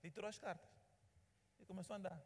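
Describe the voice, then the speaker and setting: A man's voice: high-pitched, quick pace, vocal fry, breathy edge. A male pastor, telling a story in a sermon and acting out the dialogue. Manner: animated storyteller, acts out dialogue. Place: church hall. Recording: reverberant church hall.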